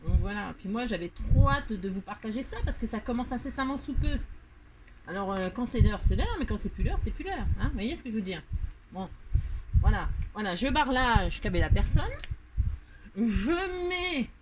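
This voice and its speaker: A woman's voice: mid-range voice, animated, brisk. French lady doing a craft tutorial, rambly, lots of euh and voilà, mid voice, noisy background. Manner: chatty and self-mocking, many fillers and repeated words.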